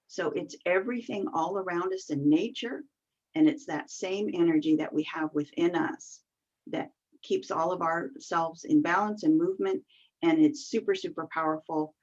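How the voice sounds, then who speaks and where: A woman with a fairly low voice explains an energy practice in an unhurried, earnest way, building her points one piece at a time. She is heard over a video call, and the sound comes through muffled and lo-fi. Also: a little mellow. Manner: earnest, explains step by step with many fillers. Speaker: qigong teacher, guest. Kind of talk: explanatory interview answers.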